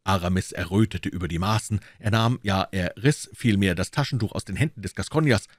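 A man reading a classic novel aloud as an audiobook narrator, with measured, expressive storytelling. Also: deep voice, no echo, studio quality. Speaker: audiobook reader.

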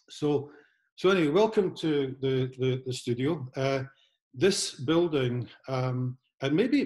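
A Scottish man in his fifties, an artist giving a casual talk over a video call from a large studio, speaking haltingly with many restarts. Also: mid-range voice, a little mellow, rough recording. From Scotland. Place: large converted church studio, indoors. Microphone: laptop camera, video call.

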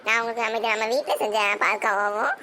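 A woman voicing a family cartoon, talking in an animated way with dramatic exclamations. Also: fairly high pitch, fast talker. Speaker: cartoon channel voice actor. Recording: steady background hiss.

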